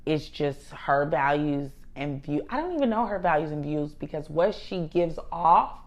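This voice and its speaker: A woman's voice: low voice, animated, moderate pace, lo-fi sound. A woman co-hosting a podcast, telling candid, emphatic stories with frequent swearing in casual chat. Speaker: podcast co-host.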